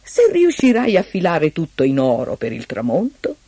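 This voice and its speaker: A woman voicing a greedy, stern king in a fairy tale, in a measured and sometimes hushed way, with music playing behind. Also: deep voice, wildly swooping pitch, slightly rough, no echo, exaggerated voice. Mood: commanding.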